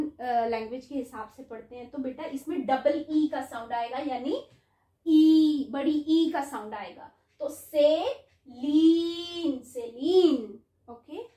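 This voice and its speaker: A woman teaching phonics online, sounding out each word slowly, syllable by syllable, and calling her students "beta". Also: sits high, dark tone, reverberant, rough recording.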